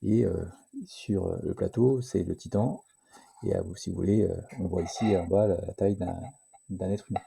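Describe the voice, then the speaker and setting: A man presenting a casual board game tutorial, hesitant and full of filler pauses, at times reading the game's text aloud. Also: deep voice, fairly even intonation, gravelly, warm tone, breathy edge.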